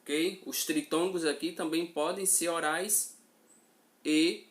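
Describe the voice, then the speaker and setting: A man's voice: fairly high pitch, fairly even intonation, takes it slowly. A male teacher gives a grammar lesson, repeating example words and checking in with his students as he goes.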